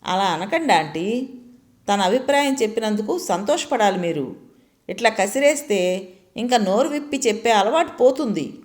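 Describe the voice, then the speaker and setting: A woman voicing a polite young student who calmly argues her point. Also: medium pitch, moderate pace, natural voice. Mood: gentle. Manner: polite, gently persuasive. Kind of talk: storytelling voice acting.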